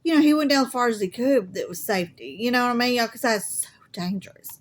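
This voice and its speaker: Chatty Southern woman, slightly high voice. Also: lively intonation, quick pace. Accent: Southern US (Alabama). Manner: chatty, folksy, says y'all often. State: coughing, asthmatic. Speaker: crafting vlogger. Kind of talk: casual chat to viewers.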